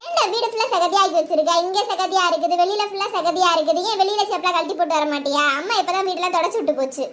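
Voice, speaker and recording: A woman's voice: extremely high pitch, very fast, fairly bright tone, slight background noise. A woman voicing a mother in a cartoon who scolds the kids for dirtying the house. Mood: scolding. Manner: scolding, nagging.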